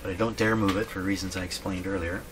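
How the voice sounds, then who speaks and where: A deep-voiced man with a steady tone talks fast while working on a repair, casually thinking aloud and questioning himself. He's a radio repair hobbyist who hosts videos, and the recording has a clearly noisy workshop background.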